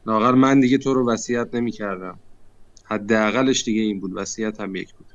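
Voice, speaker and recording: A man's voice: lowish voice, steady tone, no room sound. A man recapping an online mafia game as a player, friendly and self-critical about his own play. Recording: dry lo-fi online call audio.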